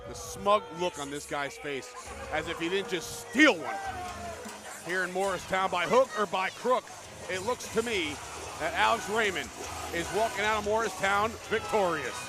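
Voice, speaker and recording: A man calls live wrestling in a high, excitable voice. His play-by-play is exasperated and ready to argue, and loud music runs behind him. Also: moderate pace. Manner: exasperated, argumentative with his co-commentator.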